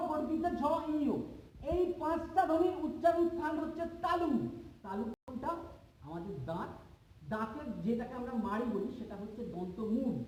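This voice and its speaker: Teacher, male, very high voice, patient drilling style, recorded from a distance in a boomy room. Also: a little mellow, slight background noise. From Bengal. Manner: patient, repeats points and checks understanding. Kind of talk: classroom lesson. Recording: echoey room, far from mic.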